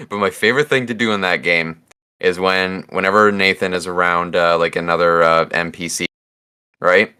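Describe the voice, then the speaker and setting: A man's voice: low voice, steady tone, normal speed, bright, forceful tone, clean tone. A man co-hosting a casual podcast chat, rambling through stories and laughing at them. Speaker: podcast co-host.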